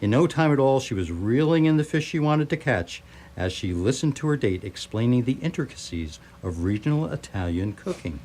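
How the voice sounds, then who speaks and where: Brisk and very animated, a man with a mid-range, darkish voice delivers scripted story narration. His manner is wry and literary, as befits this live radio theatre performance.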